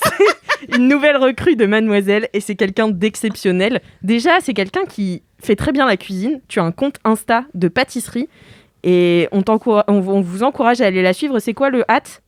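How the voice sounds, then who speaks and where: A woman hosting a podcast, chatting casually and introducing her guests in a lively way. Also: on the high side, normal speed, dry recording, clean studio sound. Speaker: podcast host.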